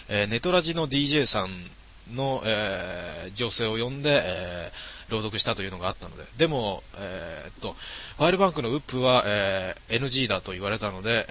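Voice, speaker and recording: Bright-voiced middle-aged man reading chat comments. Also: on the low side. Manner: reads comments aloud, mumbled asides, frequent "eh" fillers. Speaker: live streamer reading viewer comments. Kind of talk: casual late-night stream chat.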